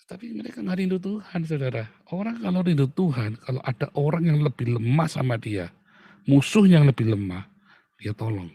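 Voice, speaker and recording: A male pastor, preaching in an animated, mocking way that swings from loud outbursts to low asides. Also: fairly quick, creaky, slightly rough, no echo. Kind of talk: sermon.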